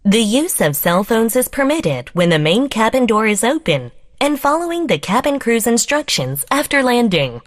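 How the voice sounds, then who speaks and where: A woman reading a scripted plane cabin safety announcement in a formal, measured way, as a flight attendant. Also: fairly high pitch, big pitch swings.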